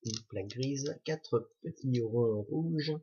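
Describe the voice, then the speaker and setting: Man, toy reviewer, chatty and jokey, middle pitch, slightly husky, lo-fi muffled recording. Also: slow pace, warm tone. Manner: chatty, jokey, self-correcting. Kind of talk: casual building commentary. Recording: dull lo-fi recording.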